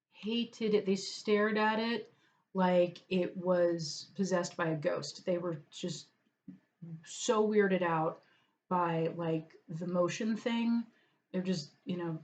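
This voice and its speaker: Chatty woman with a muffled, lo-fi sound. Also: fairly low pitch. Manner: chatty, meandering, talks to her cat aside. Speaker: vlogger. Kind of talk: casual chat over lunch. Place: at home.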